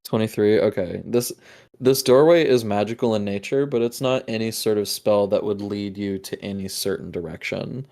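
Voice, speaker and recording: A man's voice: lowish voice, moderate pace, creaky, mellow. A man narrating as game master in a tabletop game, talking casually with many fillers and restarts.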